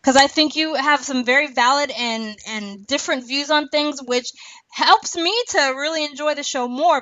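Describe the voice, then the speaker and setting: A woman hosts a casual podcast discussion, chatty and giggly as she rambles through her opinions. Her voice sits high with a sharp tone, and the recording is dry, dull lo-fi podcast audio.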